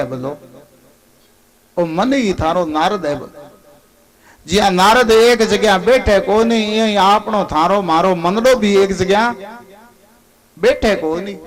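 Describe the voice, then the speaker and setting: A man with a Rajasthani accent telling a devotional story as a sermon, lively and calling on his listeners to answer. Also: high voice. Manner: lively, calls on listeners to respond. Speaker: religious storyteller.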